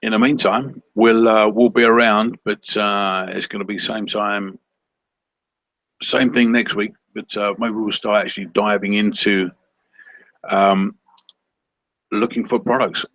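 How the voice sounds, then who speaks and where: A man co-hosting a casual online coaching call, talking in halting bursts full of ums and restarts. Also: on the low side, flat delivery, fairly bright tone, no echo, rough recording. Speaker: co-host of a seller coaching webinar.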